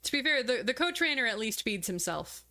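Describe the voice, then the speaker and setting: A woman's voice: on the high side, very animated, fairly quick, bright, forceful tone, no echo. A woman streamer chatting casually as she plays and narrates a game. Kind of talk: casual chat while playing and narrating a game.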